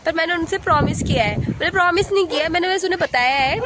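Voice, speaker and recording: A young woman vlogging on her phone from a windy village rooftop, her voice hoarse from shouting, chatty and wistful, repeating herself. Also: very high voice, quick pace. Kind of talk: casual vlog chat.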